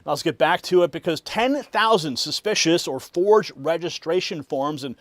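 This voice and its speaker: Higher-pitched man delivering alarmist political commentary. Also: expressive, moderate pace, no echo. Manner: emphatic, alarmist. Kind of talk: scripted political commentary narration.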